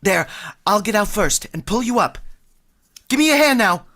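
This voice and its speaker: In an amateur vintage radio play, a woman voices a nervous teenage boy rushing his date along, sounding urgent, flustered, pushy and jittery. Her voice is medium-pitched, animated and fairly bright.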